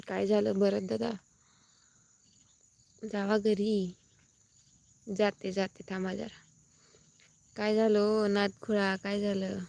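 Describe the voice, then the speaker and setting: A woman's voice: medium pitch, little pitch movement, takes it slowly, vocal fry, long pauses, dark tone. A woman hosting a casual live stream outdoors in a farm field, chatting with viewers and thanking them for comments as she heads home. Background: crickets and insects outdoors.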